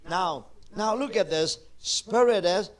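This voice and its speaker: Middle-aged male pastor, high voice, unhurried, coaxing questions to a children's Bible class, heavy non-native English. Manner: asks questions and repeats them, coaxing answers.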